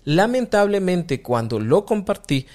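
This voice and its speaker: A man's voice: high voice, very animated, unhurried, a little mellow. A man with a Mexican Spanish accent, hosting a podcast as a reflective, conversational monologue about emotions, often acting out what other people say. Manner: conversational, acts out quoted parents and friends. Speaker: podcast host.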